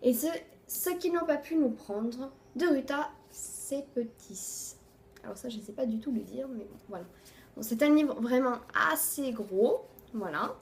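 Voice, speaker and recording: A woman beauty vlogger casually reviewing her monthly favorites, chatty, filling pauses with "voilà" and often trailing off softly at the ends of phrases. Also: fairly high pitch, lively intonation, a little hiss or hum.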